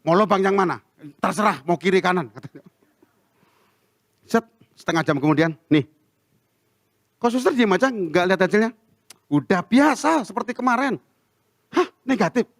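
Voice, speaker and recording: A man preaching a sermon as a pastor, telling a story with animated acted-out dialogue and an Indonesian accent. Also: sits high, dry recording, studio quality. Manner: animated, acts out dialogue with shifting voices. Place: church.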